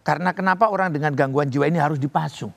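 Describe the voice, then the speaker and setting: A man's voice: fairly high pitch, rapid-fire, gravelly, no room sound. A man, a police officer from Java, telling earnest stories. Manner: earnest storytelling, often addresses the interviewer directly. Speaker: police officer running a rehabilitation home.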